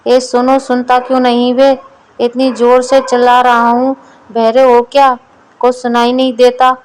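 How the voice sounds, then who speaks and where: A woman's voice: on the high side, completely flat delivery, measured pace, a little mellow, smooth, close to an everyday voice, rough recording. Woman voicing a bossy gluttonous fat man. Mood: scolding. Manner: grumbling, scolding.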